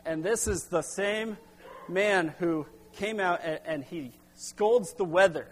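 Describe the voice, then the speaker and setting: A middle-aged man preaching a sermon as pastor, halting with restarts, then pressing into emphatic bursts. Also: high voice. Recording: long hall reverb.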